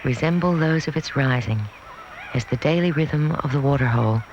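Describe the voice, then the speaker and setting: A man giving calm, measured, poetic scripted narration for a nature documentary, heard from a worn VHS tape copy. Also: mid-range voice. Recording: dull hissy worn videotape dub.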